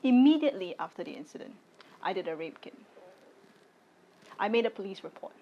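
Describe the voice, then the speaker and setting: With a sing-song lilt at an ordinary pitch for a woman, a young Singaporean content creator in her late twenties states something personal to the camera in short, firm, deliberate phrases. The audio is dull and carries a faint hiss or hum.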